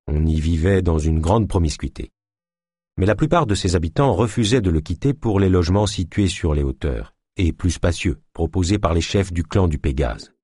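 A man with a low, husky voice narrates an audiobook, his pitch rising and falling lively. The recording is close and dry. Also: dry recording.

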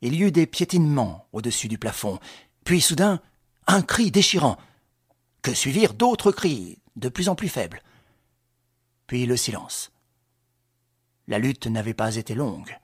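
A man reading a crime novel aloud in measured, dramatic scripted narration with a husky voice. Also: medium pitch, big pitch swings, no echo, clean studio sound. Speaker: audiobook reader.

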